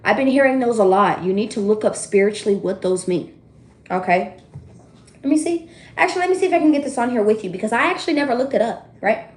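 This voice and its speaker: A woman giving a casual tarot reading to her viewers, chatty and animated, laughing often and swearing freely. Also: fairly high pitch, fast. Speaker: tarot reader. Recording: roomy echo.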